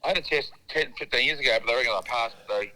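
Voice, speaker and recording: A man's voice: medium pitch, racing, bright, forceful tone, low-quality recording. A man, heard over a speakerphone call, chatting in a laddish, joking way as a phone guest. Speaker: phone guest, former footballer. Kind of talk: casual phone chat.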